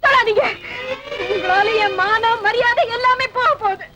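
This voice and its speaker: A young woman who is quick to tears and full of feeling, her high, bright voice pleading and breaking into tearful outbursts. It is a dubbed scene from an old film comedy. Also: lively intonation, slight background noise, heavily acted, low-quality recording. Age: young adult. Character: earnest young woman, emotional and easily upset.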